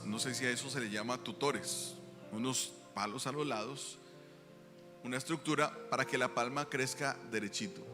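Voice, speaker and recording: A man preaching a sermon as pastor, animated and acting out quotes. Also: medium pitch, big-room sound. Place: church.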